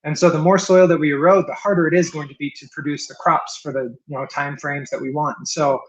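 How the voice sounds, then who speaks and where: A man's voice: a little high, flat delivery, fast, dull audio. A man hosting a podcast, chatting conversationally with frequent restarts and hesitations. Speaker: podcast host. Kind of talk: casual chat. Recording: roomy echo.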